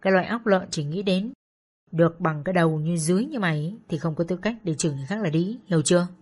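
A woman's voice: on the low side, quick pace, darkish tone, husky. A woman voicing a furious, hot-tempered young man. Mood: enraged. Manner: furious, cursing through gritted teeth. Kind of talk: audiobook story reading.

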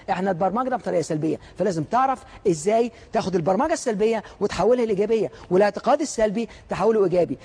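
A man with an Egyptian accent giving an animated motivational lecture, full of stories and rhetorical questions to the audience. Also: sits high, husky. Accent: Egyptian Arabic.

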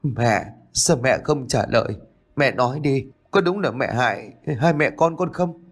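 A man voicing a distraught young woman in a ghost story, pleading in a high, shaky voice. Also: measured pace, a little mellow, close to an everyday voice. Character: distraught young woman confronting her mother.

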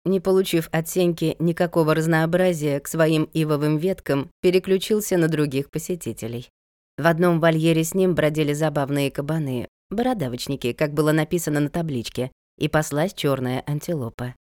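A woman narrating a novel as an audiobook, in an even, measured storytelling manner. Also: low-pitched, no room sound, clean studio sound.

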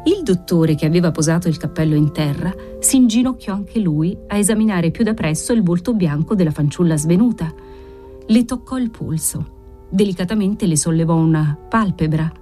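A woman reading a novel aloud as an audiobook, in a measured, calm manner. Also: fairly low pitch. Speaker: audiobook reader. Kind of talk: literary audiobook narration.

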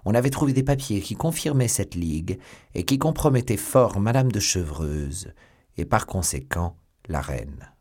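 A man reads a classic novel aloud, his fairly low voice moving through wide, lively rises and falls. He tells the story with dramatic swells, in the steady manner of a scripted audiobook narrator.

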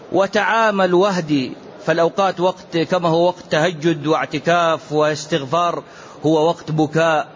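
Animated middle-aged sheikh teaching. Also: male voice, on the high side. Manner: animated, rhetorical questions, mock dialogue. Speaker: sheikh giving a lesson. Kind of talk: religious lesson answering questions. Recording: dull lo-fi recording with faint hiss.

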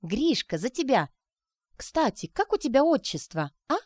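A woman reading aloud and voicing a lively young woman who talks in a bright, teasing, chatty way. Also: sits high, moderate pace, dry recording, pitched above the performer's own voice.

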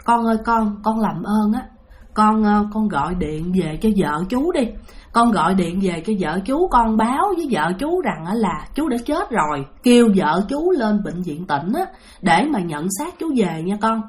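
A woman's voice: mid-range voice, sing-song, normal speed, close to an everyday voice. Woman speaking as a pleading ghost of a dead man.

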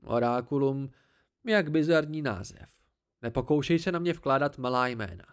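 A man's voice: medium pitch, lightly acted. A man voicing an ancient, haughty tree-spirit oracle with a cold, dry, disdainful voice.

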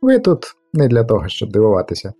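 A man's voice: on the low side, wildly swooping pitch, quick pace, warm tone, soft background music. A man voicing a touchy, lecturing middle-aged castle steward in an audiobook. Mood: huffy. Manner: offended, lecturing.

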